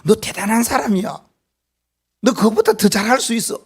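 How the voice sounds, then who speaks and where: A man with a Gyeongsang accent voicing Satan as a male tempter, coaxing and flattering the listener in a sermon. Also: high voice, moderate pace, vocal fry, slightly rough, pitched above the performer's own voice, heavily acted.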